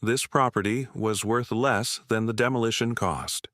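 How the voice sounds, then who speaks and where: A man's voice: medium pitch, steady tone, measured pace, a bit bright, dry recording, clean studio sound, natural voice. A man voicing a polite, formal male tax assessor in a small town. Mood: apologetic.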